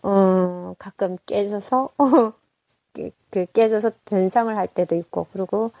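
North Korean woman, halting and colloquial. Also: mid-range voice, warm tone, dry recording. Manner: halting, unpolished, colloquial telling. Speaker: interviewee telling her own story. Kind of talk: casual personal interview.

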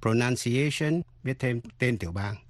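A man's voice: medium pitch, no room sound. Dry-voiced male radio language teacher. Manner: slow, careful spelling out of letters. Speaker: English teacher and radio host.

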